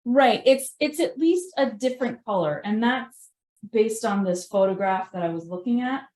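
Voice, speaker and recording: A woman's voice: on the high side, lively intonation, normal speed, darkish tone. A woman leading a live virtual painting class, chatting and thinking aloud as she paints, often laughing at herself. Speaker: painting instructor. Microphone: video call.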